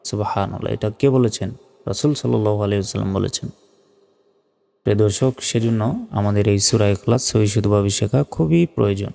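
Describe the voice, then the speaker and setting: A man teaching Quran pronunciation, spelling out each Arabic letter and vowel mark, then chanting the verse slowly. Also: lowish voice, creaky, dark tone, long reverb tail.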